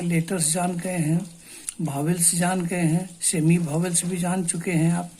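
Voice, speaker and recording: A woman gives a spoken language lesson in a slow, explanatory way, breaking words into syllables and repeating them. Her voice is mellow and soft-edged. A faint hiss of noise sits under the recording. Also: lowish voice. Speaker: English teacher.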